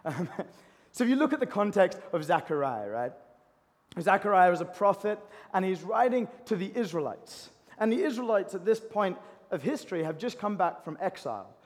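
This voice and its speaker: A man preaching a sermon, animated and building to impassioned pleading. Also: high-pitched, normal speed. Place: church hall. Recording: long hall reverb.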